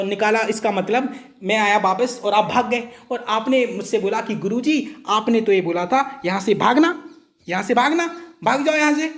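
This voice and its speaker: A male Hindi teacher giving an exam-prep grammar lesson, explaining patiently, repeating each point and checking that students follow. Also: extremely high pitch.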